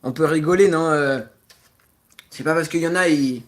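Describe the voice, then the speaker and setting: A man with a notably high-pitched voice chats casually on a livestream. He jokes and teases, rambling and repeating himself as he restarts his sentences. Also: moderate pace. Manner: rambling, stammering restarts, teasing. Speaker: livestream host. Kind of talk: casual joking livestream chat.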